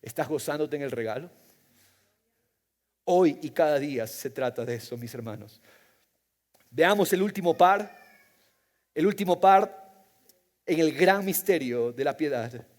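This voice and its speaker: A male pastor preaching a sermon, swinging from loud proclamation to hushed, soft passages. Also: fairly high pitch, lively intonation, unhurried, pauses often. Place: church sanctuary. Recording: long hall reverb.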